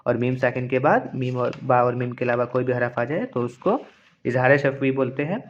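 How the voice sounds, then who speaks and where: A man's voice: medium pitch, normal speed, lo-fi sound, slight background noise. A man teaching Quran recitation rules, explaining patiently and repeating each point. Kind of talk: explanatory lesson with slow recited examples.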